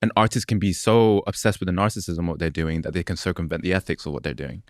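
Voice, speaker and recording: Brief: male moderator, very deep voice, curious, dry sound. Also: fast, dry recording. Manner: curious, steering questions to the guests. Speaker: debate moderator. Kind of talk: moderated panel debate.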